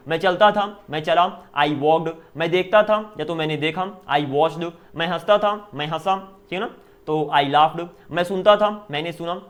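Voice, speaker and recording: A man teaching spoken English in an Indian English accent, drilling Hindi and English sentence pairs and checking in with "ठीक है ना?". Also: sits high. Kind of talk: online spoken-English lesson.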